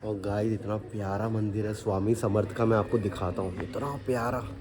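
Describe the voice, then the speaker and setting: A man's voice: fairly low pitch, fairly even intonation, brisk. A man hosting a casual family vlog, chatting and talking to his viewers. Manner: chatty, keeps addressing viewers as guys. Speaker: vlogger host. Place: temples and outdoors on a family outing.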